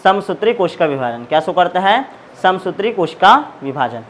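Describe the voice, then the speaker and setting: A man's voice: high-pitched, big pitch swings, normal speed, a bit bright. A man teaches biology in a lecture style. He poses questions to his students and answers them himself, repeating each key term. A faint hiss sits under the recording. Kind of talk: classroom lecture with call-and-response questions.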